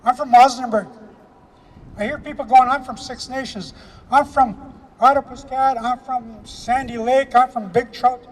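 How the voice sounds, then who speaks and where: A man from Canada delivering an impassioned speech at an outdoor rally, emphatic and repetitive, slowing down to stress key phrases. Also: very high-pitched, steady tone, long reverb tail. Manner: emphatic, repetitive, with slow weighty pauses. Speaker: rally speaker.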